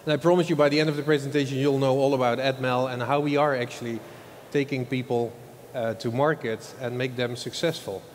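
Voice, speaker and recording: Speaking fairly quickly in a steady, mid-range voice, this Dutch-accented man from the Netherlands is a marketing executive delivering a casual, talkative conference presentation, frequently tacking "huh?" onto his lines. It was captured in a large old event hall with long reverb and a faint hum of background noise.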